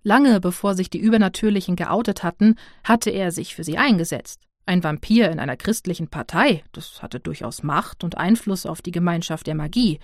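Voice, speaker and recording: A woman's voice: fairly low pitch, dry recording. Woman narrating, dry close read. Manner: even, measured storytelling. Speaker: audiobook narrator. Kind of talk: scripted narration.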